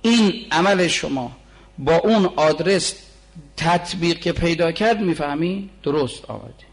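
A man in his forties preaching a religious sermon, who moves between plain conversational talk and slow, drawn-out chanting of lines of poetry. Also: fairly high pitch, lively intonation. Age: 40s.

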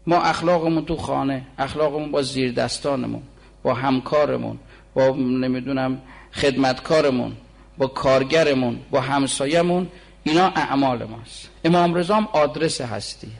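A man in his forties preaching a religious sermon, who moves between plain conversational talk and slow, drawn-out chanting of lines of poetry. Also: mid-range voice, gravelly. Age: 40s.

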